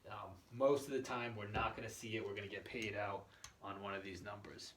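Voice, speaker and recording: A man's voice: lowish voice, fairly even intonation, a little fast, a bit bright. A man giving an informal, step-by-step tutorial in a conversational way, checking in with the listener as he goes. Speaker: presenter of a gambling strategy tutorial. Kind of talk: informal explanatory walk-through. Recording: echoey room, distant mic, faint noise.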